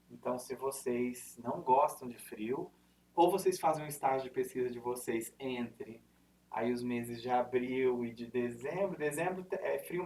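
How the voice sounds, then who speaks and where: In a lecture room, a man in his thirties from São Paulo's interior talks informally to students on behalf of a university, his caipira R clearly audible. The mid-range, somewhat dark voice is chatty and peppered with fillers and self-corrections, heard through a distant mic over faint room noise.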